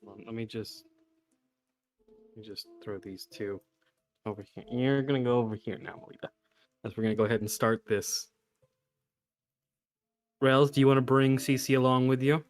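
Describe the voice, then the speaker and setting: A male game master running a tabletop session over voice chat, with a voice of middle pitch. He is playful and teasing, tossing out jokes between rulings. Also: steady tone, faint music behind. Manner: playful, teasing, quick to joke.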